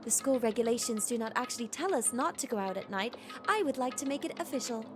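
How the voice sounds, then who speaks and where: A woman voicing a prim, composed young gothic lady in a video game, formal and measured in wording. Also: a little high, over music, natural voice.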